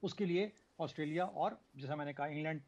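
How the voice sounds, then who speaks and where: A man giving calm, explanatory cricket analysis as a TV panel guest, with some hesitations. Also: fairly high pitch, fast talker.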